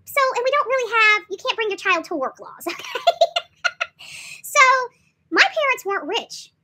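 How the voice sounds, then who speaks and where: A vlogger in her forties tells stories casually to camera from a small indoor room, her voice extremely high-pitched and very animated at a normal speed, with noise in the background. She's emphatic and repeats herself, often tacking on check-ins like "okay?" and "right?"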